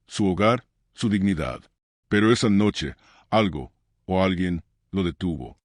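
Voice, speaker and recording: Deep-voiced male story narrator. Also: a little mellow, no echo, clean studio sound. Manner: measured, dramatic pauses.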